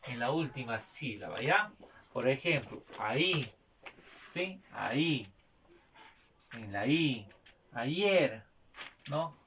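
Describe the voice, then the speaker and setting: Man, teacher, lively pitch, repeats points with tag questions, distant mic, faint noise. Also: a little slow. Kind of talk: spelling lesson.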